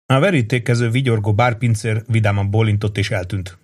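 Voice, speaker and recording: A man narrating a novel as an audiobook, in a steady storytelling manner. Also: on the low side, breathy edge. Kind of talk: scripted narration.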